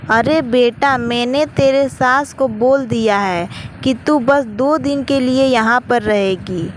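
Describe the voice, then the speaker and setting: A woman voicing a gentle, caring middle-aged mother who gives soothing advice. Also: fairly high pitch, slow pace. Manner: soothing, advising. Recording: noisy with traffic outside.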